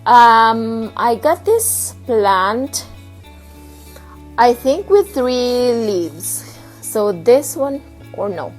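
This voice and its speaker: Woman, plant vlog, unhurried delivery, higher voice, soft music behind. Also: lively intonation, poor audio. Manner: chatty, pauses to hunt for words. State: slightly out of breath. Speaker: plant vlogger. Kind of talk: casual show-and-tell vlog. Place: home with plant shelf, indoors.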